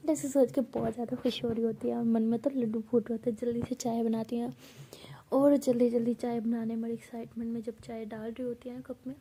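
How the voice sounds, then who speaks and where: A woman's voice: on the high side, flat delivery, brisk, dark tone, slightly rough. A woman telling a love story aloud in a chatty, casual storytelling way. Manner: chatty, repetitive story narration.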